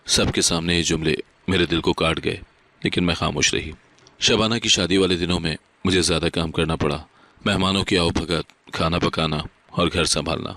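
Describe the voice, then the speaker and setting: A man reading a sad first-person moral story as scripted narration, steady and solemn. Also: low-pitched, no echo.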